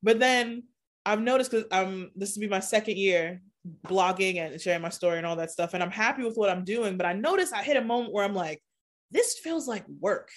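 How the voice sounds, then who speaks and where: A woman speaking as a podcast guest in a casual, animated way, laughing often and slowing down for emphasis. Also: medium pitch. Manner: animated, laughs often, shifts between quick and slow emphatic phrasing. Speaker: podcast guest, content creator. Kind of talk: casual conversational interview.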